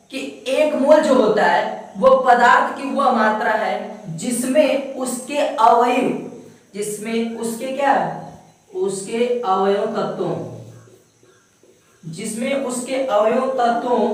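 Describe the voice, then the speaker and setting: A male teacher giving a science lesson, repeating key terms and asking himself questions before answering them. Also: very high voice. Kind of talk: classroom-style science lecture. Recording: very echoey room, mic far away.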